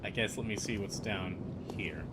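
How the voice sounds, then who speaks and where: A man's voice: lowish voice, normal speed, background noise. A man streaming live gameplay, talking through what he sees with many restarts and fillers and reading out chat messages.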